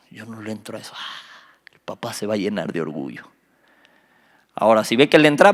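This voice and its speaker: A man, a youth pastor teaching a Bible study, animated and joking, quizzing his listeners. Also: mid-range voice. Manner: animated, quizzes the audience, jokes. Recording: reverberant hall.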